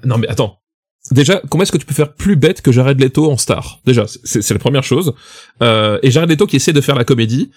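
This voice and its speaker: A man's voice: medium pitch, lively intonation, brisk, darkish tone. A man co-hosting a casual film-ranking chat, thinking aloud, hesitant and mildly blunt. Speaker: podcast co-host.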